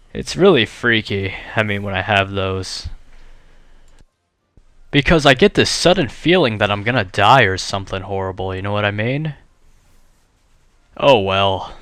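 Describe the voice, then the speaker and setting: Rambling young man, low smooth voice. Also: fairly bright tone, no echo. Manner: rambling, full of "like" and "you know" fillers. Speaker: gaming channel host. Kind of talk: casual gameplay commentary and storytelling.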